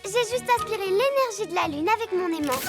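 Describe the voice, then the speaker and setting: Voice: extremely high pitch, expressive, fairly quick. An actor voicing a smug, scheming little girl moon villainess, sugary and taunting, in a French cartoon dub. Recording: clear background music under dialogue.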